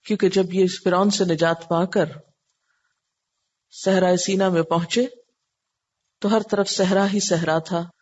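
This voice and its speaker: A woman's voice: on the low side, a little mellow. A woman teaching a word-by-word scripture lesson. She explains patiently and poses questions to her class, then answers them herself. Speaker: Quran teacher. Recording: dull lo-fi with faint hiss.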